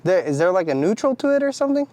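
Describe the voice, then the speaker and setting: A man's voice: high voice, very animated, rapid-fire, dark tone. A man hosting a casual vlog, chatty, bemused and self-deprecating as he fumbles through a task. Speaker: vlogger host.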